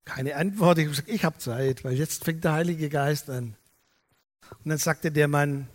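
A man preaching a sermon, telling stories lively and acting out the dialogue. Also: on the high side, moderate pace, in a large hall. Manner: lively storytelling, acts out dialogue. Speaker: pastor.

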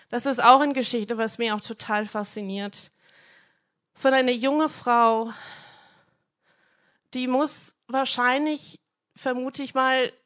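A woman gives a casual devotional talk, retelling Bible stories in lively, colloquial speech. Her voice sits somewhat high. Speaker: preacher.

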